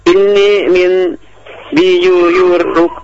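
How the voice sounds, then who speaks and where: A male caller on a crackly phone line that keeps breaking up, haltingly reading a language-lesson dialogue aloud with many hesitations. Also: high voice, flat delivery. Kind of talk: student reading an Arabic dialogue aloud on a call-in. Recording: dull, noisy phone line.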